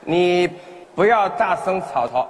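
A bossy, scheming con man posing as a police officer, as an actor plays him in a stage comedy sketch. He barks stern orders in a high, animated voice. A long hall echo trails behind him. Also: slow pace. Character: scheming male phone scammer posing as police. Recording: reverberant hall with noise.

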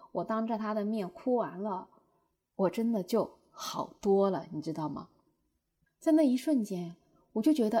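A young woman telling viewers a personal story in a lively way, acting out her own past outbursts. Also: mid-range voice, breathy edge. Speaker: short-video creator.

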